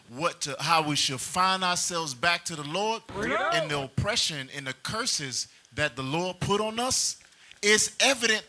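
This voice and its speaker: A man's voice: on the high side, bright, forceful tone. A man hosting a casual panel talk, emphatic and joking, with mild cursing. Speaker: show host.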